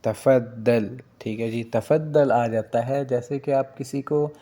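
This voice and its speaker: A man leads a casual language lesson in a soft, dark-toned voice. He moves at an unhurried pace, repeating each phrase and checking in with "ठीक है जी" as he goes. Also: medium pitch, fairly even intonation. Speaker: language teacher.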